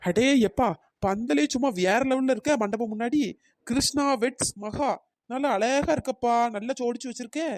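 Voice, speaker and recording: A woman's voice: mid-range voice, fairly quick, no room sound, voice pushed down, natural voice. Woman doing cheeky cartoon village aunty, medium voice, chatty, dry close sound. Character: greedy gossipy village woman at a wedding. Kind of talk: cartoon storytelling voice.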